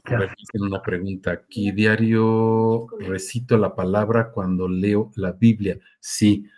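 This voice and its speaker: A man's voice: lowish voice, little pitch movement, unhurried, darkish tone. Man; casual preacher taking questions, acts out quotes. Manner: conversational, asks listeners often, acts out quotes. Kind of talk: sermon with live Q&A.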